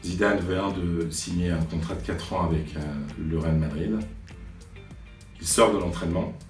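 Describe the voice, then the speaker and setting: A deep-voiced man in his late forties tells his stories slowly and hesitantly, full of pauses and restarts. He sounds a little distant from the mic in a roomy space, with faint music underneath. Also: steady tone. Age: 40s. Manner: hesitant, many fillers and restarts. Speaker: sports journalist. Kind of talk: reflective storytelling to camera.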